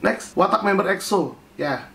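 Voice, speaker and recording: A young man with a high voice hosts a casual chat and answers viewer questions. His pitch leaps up whenever he reads a question aloud. His delivery stays animated and loose. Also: a little slow, creaky, a little hiss or hum.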